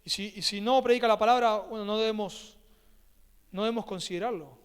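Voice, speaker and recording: Argentine pastor preaching with high emphatic voice. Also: male voice, fairly quick, clear, resonant tone. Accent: Rioplatense Spanish. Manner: emphatic, repeats key words. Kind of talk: sermon. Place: church hall. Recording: echoey church hall.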